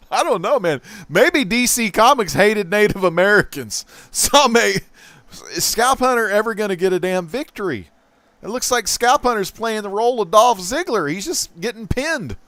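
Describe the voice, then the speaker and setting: A man hosting a casual comic book haul vlog, chatty and excitable, swinging from loud bursts to mumbled asides. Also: high voice, normal speed, no echo. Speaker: host.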